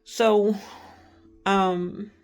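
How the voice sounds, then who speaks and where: A woman from Texas casually retelling a true crime case, chatty, acting out the people she quotes and dropping to hushed tones. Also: medium pitch, flat delivery, drawn-out words.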